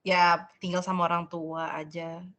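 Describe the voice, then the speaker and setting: A woman's voice: fairly low pitch, level tone, a little slow, fairly bright tone. A young woman in a casual group chat with classmates, friendly and a little hesitant. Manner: friendly, hesitant, laughs often. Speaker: student in group discussion.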